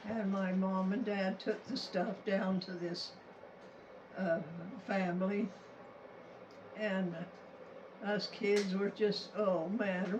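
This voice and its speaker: Recorded a little far from the mic with faint noise, an elderly woman in her nineties speaks slowly. She has a rural Utah American accent and tells her story in a folksy, halting, plain-spoken manner. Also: mid-range voice, lo-fi sound. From Utah, United States. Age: 90s. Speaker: grandmother telling a childhood story. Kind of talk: casual personal storytelling.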